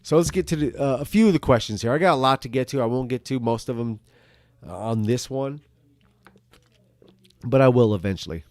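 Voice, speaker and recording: A middle-aged man in a casual, rambling monologue as a video host, halting and repeating words, with some casual swearing. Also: mid-range voice, darkish tone, dry recording, studio quality. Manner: casually foul-mouthed. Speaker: video host answering viewer questions.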